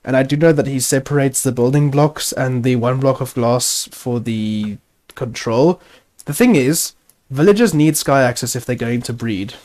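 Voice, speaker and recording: A man's voice: medium pitch, moderate pace, darkish tone. A man hosting a gaming video, giving casual gameplay commentary, chatty and self-narrating with wry asides.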